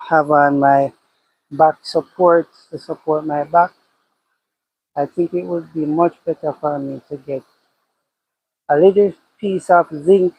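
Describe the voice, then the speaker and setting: Out by his cow pasture, a man with a Jamaican accent chats on a casual livestream, reading comments, thinking out loud and repeating himself. His voice is a little high, darkish and breathy, and the recording is rough.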